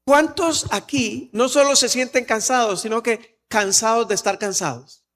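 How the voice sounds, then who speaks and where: A man's voice: very high voice, moderate pace, fairly bright tone. A man with a Salvadoran Spanish accent preaching a sermon in a church, earnest and personal, sometimes rising to emphatic exclamations. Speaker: pastor.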